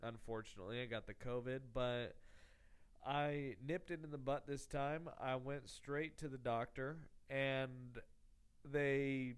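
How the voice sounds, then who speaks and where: A Texan podcast host delivers a casual comedic monologue that's rambling, profane, and sarcastic. Illness has made his voice nasal and congested, yet its mid-range tone stays steady and clean at a slightly slow pace.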